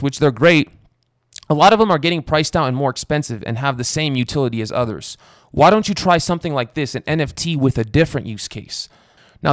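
An excited man hosts a tech interview show from his apartment and speaks directly to his audience. His voice sits in a middle range and is recorded dry, with no room echo. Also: mid-range voice. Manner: excited, talks straight to viewers. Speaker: podcast host. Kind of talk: enthusiastic tech interview intro.

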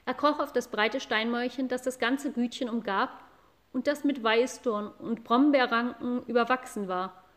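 In an audiobook narration of a classic children's story, a woman reads at a calm, measured pace. Her voice sits a little high for a woman.

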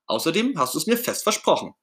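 A man's voice: a little high, sing-song, fast, fairly bright tone, voice pushed up. A man voicing Ernie, a cheerful, eager male puppet friend, in a storybook read-aloud.

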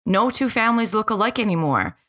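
A woman in her forties speaking earnestly and deliberately in a personal, reflective podcast monologue. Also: mid-range voice, sing-song, fairly bright tone. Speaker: podcast host.

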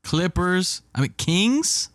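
A man talking basketball in a relaxed chat, laughing often and trailing off mid-thought. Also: high voice, takes it slowly, no room sound, clean studio sound. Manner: laid-back, laughs often, trails off and restarts.

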